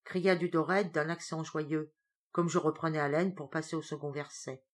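A woman reading a first-person sea tale aloud in a dramatic, theatrical way. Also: normal speed. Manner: expressive, theatrical, with sudden rises in pitch and loudness for suspense. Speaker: storyteller.

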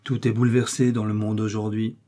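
A man's voice: lowish voice, little pitch movement, fairly quick, warm tone, natural voice. A man voicing a mournful, devout male servant who speaks plaintively. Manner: plaintive, sighing.

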